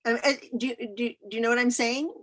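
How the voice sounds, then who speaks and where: Woman, audience member, high voice, hesitant, stumbling, video call. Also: steady tone, brisk. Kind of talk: asking questions.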